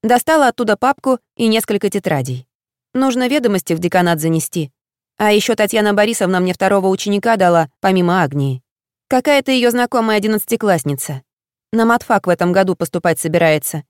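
A woman's voice: mid-range voice, expressive, fast talker, clear, resonant tone, dry recording, clean studio sound. Woman narrating a first-person audiobook.

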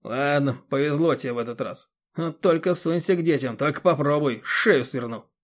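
A man's voice: a little high, normal speed, lightly acted. A man voicing a coarse, bullying village man who barks rude threats. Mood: sneering. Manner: barking, crude.

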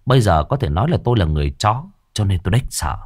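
A man narrating a horror story in a lively, vivid way. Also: racing, no echo, clean studio sound. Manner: lively, vivid telling with varied pitch.

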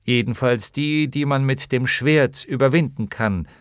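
A man's voice: medium pitch, a little slow, clear, resonant tone, dry recording, clean studio sound, natural voice. A man playing a rueful old-style knight. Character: old-fashioned gentleman knight companion, rueful. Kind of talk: audiobook character voice.

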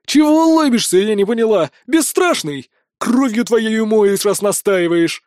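A man voicing a towering female mercenary warrior who booms threats and rough teasing. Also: very animated, normal speed, warm tone, no room sound, studio quality. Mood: fierce.

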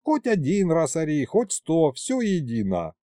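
A man's voice: fairly high pitch, huge pitch swings, measured pace, mellow, no echo, studio quality, voice pushed up. A man voicing a cranky, folksy old grandfather who grumbles in rustic speech. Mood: grumbling.

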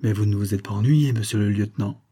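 Un homme qui interprète une logeuse âgée, sournoise et affectée, à la politesse feinte, dans une lecture de nouvelle. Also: male voice, lowish voice, fast talker, warm tone, natural voice. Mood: sly. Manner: mincing, falsely polite. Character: older landlady, sly and affected.

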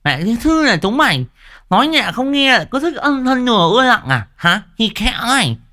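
Lisping, bellowing village bully of a woman, played by a woman in an audio story; high voice that swings up and down and never stops threatening. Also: very animated, moderate pace, bright, forceful tone. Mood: furious. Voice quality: lisping, slurred speech. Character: loud, brutish, bullying middle-aged village woman.

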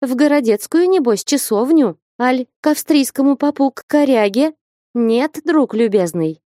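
Woman narrator voicing a sharp-tongued young schemer who lectures a timid man; warm low-bright tone, pitch jumping up. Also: animated, normal speed, dry recording, studio quality. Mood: mocking. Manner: scolding, commanding, rising to high pitch. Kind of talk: audiobook character reading.

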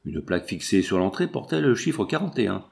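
A man reading a classic novel aloud as a narrator, steady and measured. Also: fairly low pitch, creaky. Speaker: audiobook reader.

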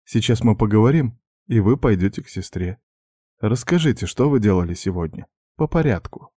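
A man doing a soft, coaxing interrogator. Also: on the low side, normal speed, no echo, studio quality. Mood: soothing coaxing. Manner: soft, ingratiating, monotonous. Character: gentle investigator man, soothing and coaxing. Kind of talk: audiobook character voice.

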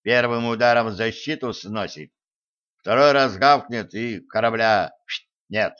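A man reading an audiobook voices a proud, gruff male gnome engineer who talks in a grumbling way. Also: on the low side, unhurried, a bit bright, lo-fi sound. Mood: boastful.

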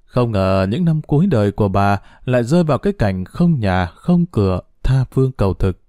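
A male narrator, telling a story in a lively, expressive voice. His pitch moves widely, and the sound is dry and close to the mic. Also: normal speed, no echo.

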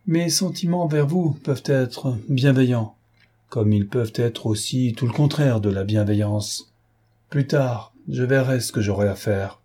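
A man reading the part of a timid, nearsighted young man who speaks softly and hesitantly but with quiet dignity, in a mellow, slightly husky voice. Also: medium pitch, unhurried. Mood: gentle, hesitant. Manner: soft, hesitant and trembling, yet dignified.

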